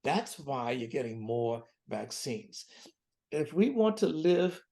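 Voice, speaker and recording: A man in his seventies speaks as a physician guest, earnest and emphatic, often repeating key phrases. His voice has a gravelly, creaky texture at a middling pitch. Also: very animated, takes it slowly, mellow. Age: 70s. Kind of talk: interview conversation.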